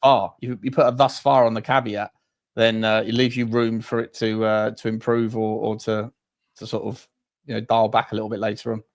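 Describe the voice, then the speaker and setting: A man's voice: on the low side, little pitch movement, brisk. A man chatting casually as a football fan panellist, hesitant and repeating words as he thinks aloud. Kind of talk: casual chat.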